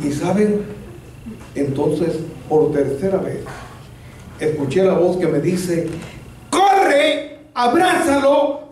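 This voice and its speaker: A man's voice: a little high, mellow, slight background noise. A male pastor, telling a humorous story as part of a sermon. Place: church. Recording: echoey church hall, distant mic.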